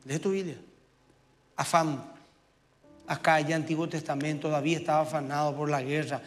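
A man preaching a sermon as pastor, lively and conversational, acting out quotes. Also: on the high side, moderate pace, in a large hall, soft background music. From Paraguay.

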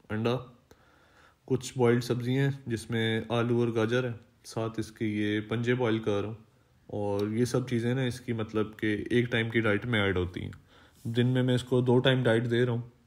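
A man's voice: mid-range voice, a little mellow. A young man narrating his day in a casual, matter-of-fact vlog voice-over. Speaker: vlogger.

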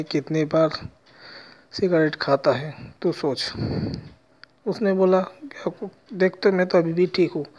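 A man telling a personal story with a moral in a slow, halting way, with many pauses. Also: fairly high pitch, darkish tone. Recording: dull lo-fi recording.

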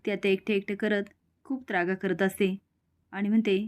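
A woman narrating a storytelling recap of a TV serial episode, reading the characters' lines in her own plain, quick voice. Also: mid-range voice, flat delivery.

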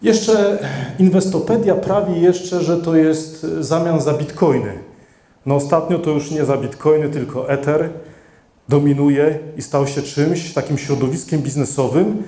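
A fairly high-pitched yet dark-toned male voice, measured in pace and fairly even in intonation, belongs to a middle-aged conference speaker. Using a handheld microphone, he addresses a seated audience in a conference hall, hesitating with many fillers and restarts, all captured with a roomy hall echo.

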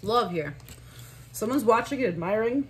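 A woman's voice: fairly high pitch, expressive, normal speed, breathy edge, poor audio. A woman giving a casual tarot reading, chatty and thinking aloud with fillers and little laughs. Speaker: tarot reader.

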